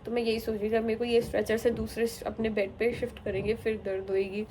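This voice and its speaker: A woman's voice: a little high, little pitch movement, fast talker, warm tone, a little hiss or hum, low-quality recording. A young woman, a new mother, talking candidly and emotionally to camera in a casual vlog. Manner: emotional, candid, mixes English into her talk.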